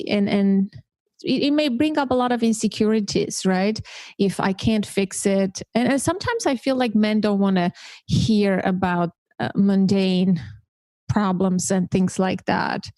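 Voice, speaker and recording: A woman's voice: medium pitch, warm tone, dry recording. A woman hosting a podcast, asking thoughtful, probing questions. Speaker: podcast host. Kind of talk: conversational podcast interview.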